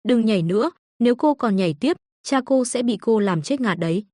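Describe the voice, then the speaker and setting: A woman narrator voicing a calm, unflappable young female exorcist who speaks in a cool, matter-of-fact way. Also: on the high side, a little fast, no room sound, clean studio sound, lightly acted.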